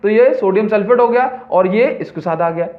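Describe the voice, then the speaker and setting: A man with a high, bright-sitting voice teaches a school science class, chatting and coaxing his students with question after question. The sound is dull and lo-fi, with a roomy echo around him. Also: brisk. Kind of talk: classroom lesson. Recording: echoey room, dull lo-fi sound.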